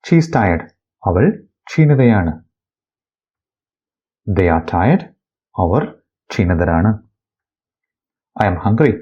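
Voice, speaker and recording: A man from Kerala, reading out practice sentences for a lesson. His voice is husky and fairly low, and he lets the pitch rise and fall a great deal. Each line comes very slowly and deliberately on a dull, lo-fi recording. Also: big pitch swings, dark tone. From Kerala, India. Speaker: English teacher. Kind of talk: bilingual phrase-by-phrase lesson.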